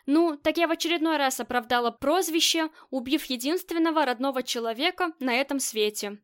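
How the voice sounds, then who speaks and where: Lady reading a hard gang boss woman, worn out and snappy, high voice. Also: a little fast. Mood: grieving. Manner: shifts between flat weariness and angry shouting. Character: grieving, hot-tempered female gang boss. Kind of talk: audiobook character reading.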